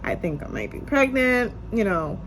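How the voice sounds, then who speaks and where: A young woman vlogging at home tells an animated, casual story time to her tripod-mounted camera, her voice on the high side with a fairly bright tone at normal speed. She's congested and a little nasal, chatty, and keeps saying "um" and "you guys". Audio is poor, with slight background noise.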